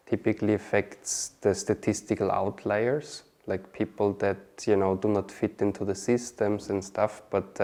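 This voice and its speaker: Guy being interviewed, lowish voice, keeps saying okay and you know. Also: darkish tone. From Austria. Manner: chatty, peppers speech with "okay?" and "you know". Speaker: interview guest, marketing specialist. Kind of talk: casual interview answers.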